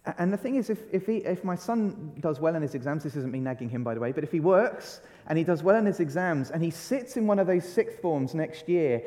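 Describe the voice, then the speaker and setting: Preacher with a mellow voice in a reverberant church. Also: male voice, a little high, lively intonation, fairly quick, hardly any pauses. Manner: conversational preaching, asks the congregation questions, many restarts. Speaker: pastor. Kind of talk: sermon.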